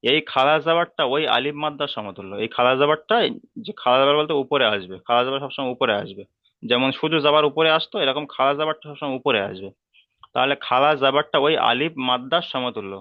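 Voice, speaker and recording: Patient man teaching with slow repetition. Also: medium pitch, no room sound, muffled recording. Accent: Bengali. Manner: patient, repeats each term and spells sounds out slowly. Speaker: Quran reading teacher. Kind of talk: slow step-by-step lesson.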